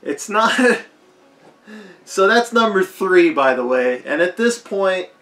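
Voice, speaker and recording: A man with a hoarse, fading voice giving a rambling, unscripted movie commentary, leaning hard on "like". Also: high voice, sing-song, slow pace, a bit bright, faint music behind. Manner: rambling, heavy use of "like". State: hoarse, losing his voice. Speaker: film commentator. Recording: echoey roomy recording.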